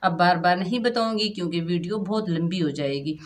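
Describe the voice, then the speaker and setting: A woman's voice: lowish voice, a little fast. A woman teaching Quran recitation rules to children, patiently explaining each rule step by step and then drawing out the practice syllables. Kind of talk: slow children's recitation lesson.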